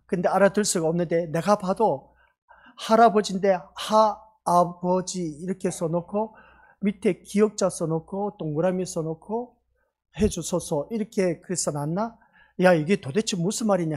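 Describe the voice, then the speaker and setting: A male pastor delivers a sermon in a church. His voice sits high for a man and has a husky grain, and he preaches earnestly while acting out bits of dialogue from a story about the children. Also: a little mellow. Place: church sanctuary.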